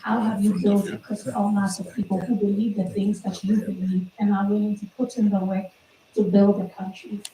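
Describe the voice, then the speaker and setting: A woman's voice: mid-range voice, flat delivery, fairly quick, dark tone. A young woman from Ghana, a graduate student, asks a question politely and composedly. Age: young adult. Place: large lecture hall. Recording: echoey hall, far mic, faint hum.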